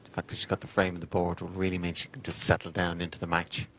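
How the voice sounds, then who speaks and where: A man's voice: low-pitched, flat delivery, fast talker, fairly bright tone. A man giving analytical snooker co-commentary in an understated, matter-of-fact manner. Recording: background noise and arena ambience.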